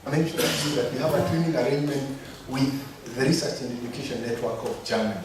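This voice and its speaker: A man's voice: mid-range voice, fast talker. A man giving opening remarks as forum chair, hesitant with many fillers. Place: hotel conference room. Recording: echoey conference hall, mic far off, noisy.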